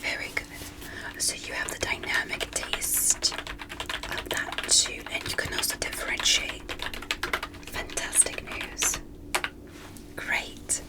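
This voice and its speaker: In an ASMR medical roleplay, a woman plays a gentle, curious female alien doctor, whispering the whole time at a very slow pace in her natural voice. She's soothing, formally polite, and encouraging, as if guiding a human patient through an exam, calm and attentive. The recording quality is low.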